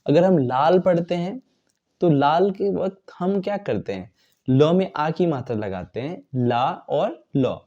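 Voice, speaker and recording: A man teaches grammar at an unhurried pace, his pitch rising and falling freely. His voice is mellow and dark. The recording sounds dull and lo-fi. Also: animated. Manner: explains slowly, repeats terms, recites letters one by one. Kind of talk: grammar lesson.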